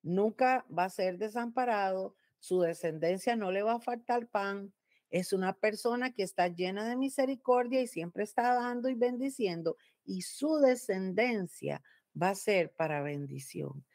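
A woman's voice: medium pitch, a little slow, darkish tone, no room sound, studio quality. A middle-aged woman pastor with a Costa Rican accent, preaching emphatically at home. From Costa Rica. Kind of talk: home Bible teaching sermon.

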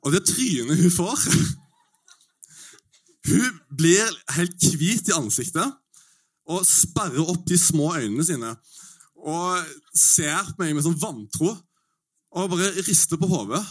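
A man doing a stand-up storytelling set, his voice sitting a little high for a man. He talks in a lively, slangy way, swears freely and slips into quick impressions of other people. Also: breathy edge. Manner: lively, slangy, swearing, full of fillers and mimicry. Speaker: stand-up comedian.

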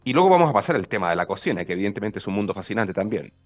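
A man's voice: fairly low pitch, very animated, rapid-fire, no echo, muffled recording, faint music behind. A man with a Chilean accent hosting an interview, asking long rambling questions full of restarts. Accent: Chilean Spanish. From northern Chile. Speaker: interviewer, host.

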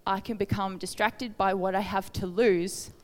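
A woman's voice: mid-range voice, fairly even intonation, moderate pace, big-room sound. A woman giving an informal, conversational sermon, earnest and questioning toward her listeners. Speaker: preacher. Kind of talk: informal sermon with Bible reading.

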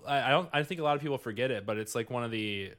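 A man's voice: mid-range voice, racing, fairly bright tone. A man from Michigan chatting casually as host, laid-back and swearing freely. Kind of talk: casual chat.

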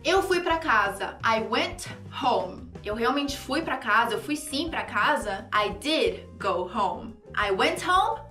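A high-pitched woman with a Brazilian Portuguese accent gives an upbeat English lesson. She talks in an animated way and slows right down whenever she models an English phrase. Soft music runs underneath her voice. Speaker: English teacher.

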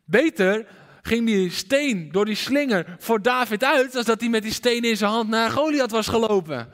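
A man preaching a sermon to a congregation in a hall, animated and questioning his listeners directly. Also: very high-pitched, moderate pace. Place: church hall with congregation and livestream. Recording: reverberant hall.

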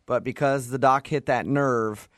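A man's voice: medium pitch, unhurried, no echo, clean studio sound. A male radio host making a prank phone call, playing it straight, pretending not to understand and stifling laughs. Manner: deadpan, feigning confusion, stifled laughter.

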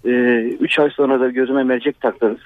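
A man's voice: mid-range voice, fairly even intonation, normal speed, dry recording. A man calling in over a landline phone to a radio show, earnest and grateful as he asks his question. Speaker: caller. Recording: narrow phone-line sound.

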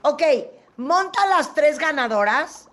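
A woman hosting a radio show, reading humorous verse and bantering briskly with her co-host. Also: high-pitched, animated, a bit bright, a little hiss or hum. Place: radio studio.

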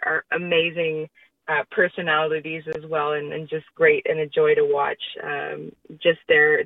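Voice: mid-range voice, no echo. A middle-aged musician chatting casually as a guest in a radio interview. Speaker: musician guest in a band duo. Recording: distant phone-like radio call.

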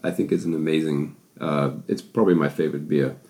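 A man's voice: a bass voice, fairly quick, vocal fry, a little mellow. A man with a Zimbabwean accent co-hosting a podcast in casual, conversational style. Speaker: podcast co-host.

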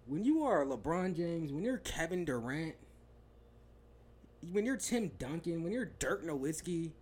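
Young man, casual sports chat, heated profane rants, lively swinging pitch, slightly high voice. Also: unhurried, husky. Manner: heated, profane ranting, laughs at himself. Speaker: podcast co-host.

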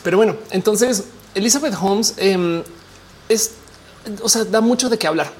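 A woman with a Mexican accent and a low voice, chatting casually to her viewers in a slangy, rambling way full of fillers. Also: normal speed, a little mellow, slight background noise.

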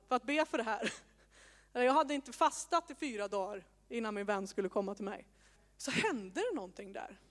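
A woman in her thirties preaching a sermon with personal testimony, in a conversational way with self-mocking asides. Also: on the high side. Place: church hall with congregation. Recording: long hall reverb.

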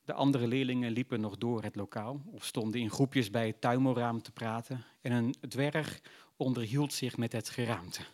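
A man narrating a literary novel in a measured, reflective storytelling voice. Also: medium pitch, fairly even intonation, darkish tone.

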